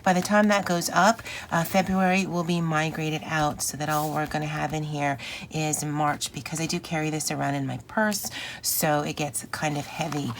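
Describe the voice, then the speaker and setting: A woman's voice: low-pitched, steady tone, normal speed, a little hiss or hum. A woman with a phlegmy, rattly voice from morning congestion, hosting a casual, chatty craft vlog in an informal, rambling way. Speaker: planner channel host.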